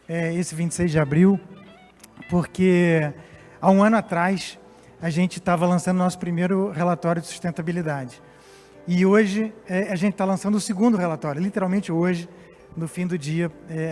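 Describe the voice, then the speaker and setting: Speaking on stage at a live event, a company executive from Portugal, a guest speaker in his late fifties, delivers a semi-formal talk with some hesitation. His voice sits high and sounds warm, echoing in a reverberant hall over background music.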